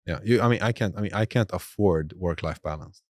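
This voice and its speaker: A man's voice: low-pitched, brisk, darkish tone, no room sound, studio quality. A man in his thirties from Syria, a startup founder chatting in an interview, hesitant with many restarts and fillers, laughing easily. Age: 30s. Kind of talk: casual interview chat.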